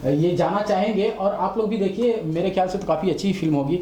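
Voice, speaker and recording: A man hosts a casual film review chat. His voice is high but mellow and warm, and he speaks hesitantly, often pausing on fillers. The room is echoey, with a faint hiss. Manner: hesitant, with many fillers and frequent murmured agreement.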